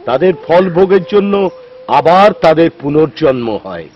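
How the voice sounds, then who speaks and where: A man's voice: on the high side, expressive, normal speed, lightly acted. An actor playing a wild, fervent ascetic holy man in a devotional film, blunt with his followers and crying out to the divine Mother. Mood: gruff, preaching. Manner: gruff and blunt with followers, pleading cries to the Mother. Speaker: wandering ascetic saint. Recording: dull lo-fi film soundtrack with music.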